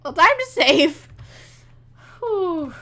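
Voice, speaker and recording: A woman gamer commenting on a blind playthrough, reacting emotionally, swearing and exclaiming loudly. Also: very high-pitched, very animated, extremely slow. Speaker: let's play gamer.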